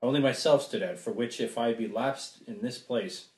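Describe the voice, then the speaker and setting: A man voicing a wary, loyal sea captain in hiding in an amateur play reading, speaking low and hushed. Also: normal speed, natural voice. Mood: guarded. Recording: echoey room.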